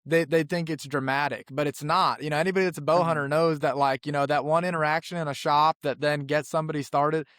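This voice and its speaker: Male podcast host, slightly higher voice, smooth and clear, earnest casual talker. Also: fast, hardly any pauses, dry recording, studio quality. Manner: relaxed, earnest, repeats words as he thinks. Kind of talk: casual conversation.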